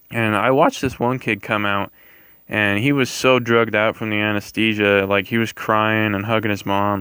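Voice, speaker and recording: A man's voice: on the low side, a bit bright, clear, resonant tone, no echo. A young man telling a personal story casually, in a rambling, hesitant way, often correcting himself. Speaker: vlogger.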